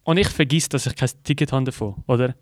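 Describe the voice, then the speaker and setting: A young Swiss German man tells a story at high speed and acts out every exchange. His voice is recorded dry and close, with no room sound. He speaks at a middle pitch, in a casual podcast chat. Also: fast talker, no room sound. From Switzerland. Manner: animated, acts out dialogue in his stories. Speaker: podcast co-host.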